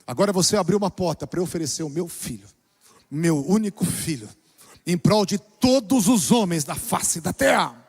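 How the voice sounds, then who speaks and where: High-voiced preaching pastor in a hall. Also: male voice, expressive, moderate pace, slightly rough. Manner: preaching with dramatic shifts between soft and loud. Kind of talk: sermon. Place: church. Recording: long reverb of a church hall.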